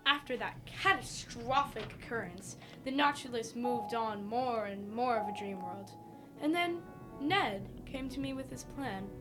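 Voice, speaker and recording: A woman acts out an earnest professor recounting an undersea voyage in a radio play. The voice is high and expressive, full of dramatic wonder. It sounds set back from the microphone, with music clearly behind. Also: unhurried, far from the mic. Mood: uneasy. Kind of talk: radio theatre narration and dialogue.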